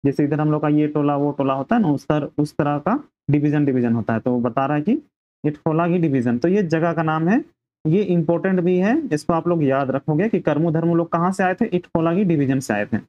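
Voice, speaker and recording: A woman's voice: sits low, brisk. A woman teacher patiently explaining a play to her students, on a dull lo-fi recording.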